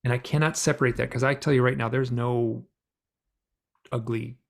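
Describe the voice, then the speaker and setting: A middle-aged man with a gravelly, fry-edged voice tells a story at length as an interview guest. He talks in a rambling, animated way, full of fillers and restarts. His pitch sits in an ordinary middle range. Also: moderate pace.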